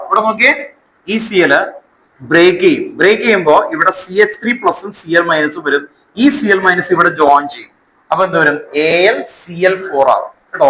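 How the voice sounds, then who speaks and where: Bright-voiced Malayali teacher mixing in English. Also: male voice, fairly high pitch, slight background noise, low-quality recording. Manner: mixes Malayalam with English technical terms; repeats key terms, prompts with check questions. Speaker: chemistry teacher. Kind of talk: school lesson, dictating and explaining step by step.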